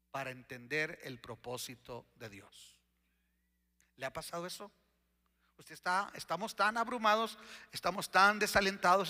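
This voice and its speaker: A man preaching a sermon as pastor, slow and deliberate, with emphatic questions. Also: high voice, bright, forceful tone, big-room sound.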